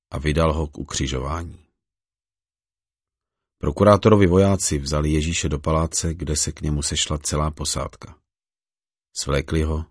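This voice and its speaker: A man giving a measured, solemn reading of scripture. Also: rumbling low, dry recording, studio quality. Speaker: scripture reader.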